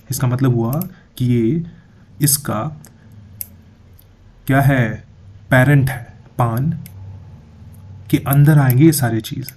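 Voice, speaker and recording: Dark husky-voiced man explaining emphatically. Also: mid-range voice. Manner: emphatic, repeats "thik hai" as he goes. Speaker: YouTube explainer. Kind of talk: screen-share explainer video.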